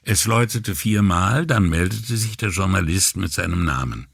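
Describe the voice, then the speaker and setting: A man narrating an audiobook in a measured, expressive manner. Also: low voice, vocal fry, breathy edge, no echo, studio quality.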